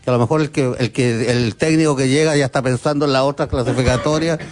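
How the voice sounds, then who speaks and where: A man's voice: mid-range voice, steady tone, fast talker. A man on a sports panel, explaining his view in a thoughtful, casual way.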